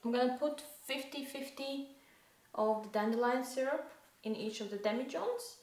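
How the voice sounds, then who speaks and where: A woman's voice: high voice, lively intonation, moderate pace, darkish tone. A young woman vlogging casually from her home kitchen, chatting as she works and correcting herself along the way. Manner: chatty, self-correcting, talks while working. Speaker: homestead vlogger. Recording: echoey kitchen with dish clatter.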